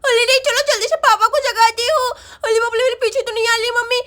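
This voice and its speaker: A woman's voice: very high-pitched, steady tone, quick pace, pushed and bright, pitched above the performer's own voice. A woman voicing a frightened young schoolgirl doll who talks in panicky, tearful exclamations. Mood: scared.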